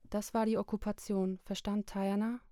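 A woman narrating a literary book chapter in a slow, measured, even reading. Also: mid-range voice, dry recording, studio quality. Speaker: audiobook narrator.

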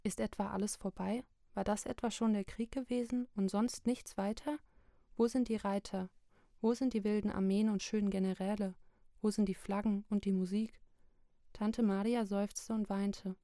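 A woman narrating a literary book chapter in a slow, measured, even reading. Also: mid-range voice, dry recording, clean studio sound. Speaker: audiobook narrator.

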